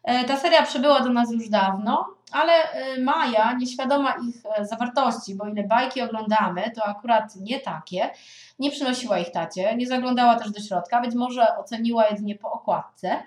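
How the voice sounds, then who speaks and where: A woman in her thirties giving a spoken review of children's books as a parent, thoughtful and hesitant, often pausing on drawn-out filler sounds. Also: fairly high pitch. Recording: echoey room.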